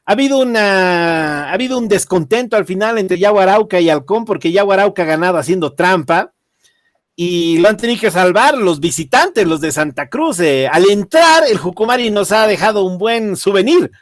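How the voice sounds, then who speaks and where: A man with a Bolivian accent hosting a casual wrestling commentary, reviewing matches in a jokey, halting way. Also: high-pitched, dry recording, clean studio sound. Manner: animated, jokey, swearing, halting repetitions. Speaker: wrestling show host.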